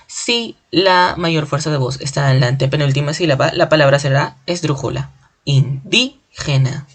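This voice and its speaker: A teacher giving a spoken grammar lesson in a clear, deliberate way, slowly stretching out example words syllable by syllable. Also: mid-range voice. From Peru.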